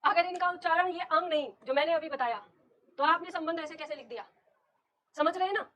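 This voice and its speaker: High-voiced Hindi teacher woman. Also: pushed and bright. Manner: explains step by step, asks students questions, brisk and direct. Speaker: Hindi teacher for competitive exams. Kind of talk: classroom lecture on Hindi alphabet.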